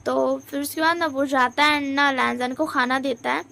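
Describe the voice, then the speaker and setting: A woman's voice: sits high, fairly even intonation, normal speed, vocal fry, bright, forceful tone. A woman casually retelling a fan story with many hesitant fillers.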